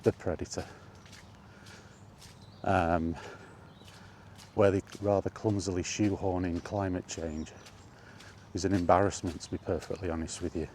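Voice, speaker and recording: Speaking a little slowly in a steady tone with frequent pauses, a deep-voiced British man rambles on about films to his viewers. His monologue is blunt, exasperated and drily sarcastic, with faint background noise.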